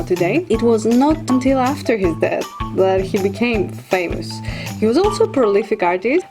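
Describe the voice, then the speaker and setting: Chatty young woman vlogger, music behind. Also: mid-range voice. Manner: chatty, laughs at herself. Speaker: fashion vlogger. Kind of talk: casual chat with read-out facts. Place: home, living room. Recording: music playing underneath.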